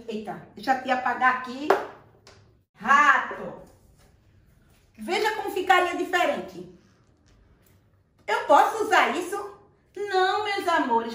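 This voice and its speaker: A woman's voice: very high-pitched, a bit bright. Woman teacher, Brazilian Portuguese, playful and affectionate, echoey room. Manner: playful, affectionate, sing-song teacher talk. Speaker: primary school teacher. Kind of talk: recorded online lesson for young children. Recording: echoey room, voice a bit far from the mic.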